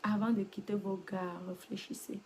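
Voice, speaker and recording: A woman giving advice to her followers in a live-stream monologue, swinging between loud exclamations and hushed whispers. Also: medium pitch, level tone, moderate pace. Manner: addresses listeners as girlfriends, lecturing tone.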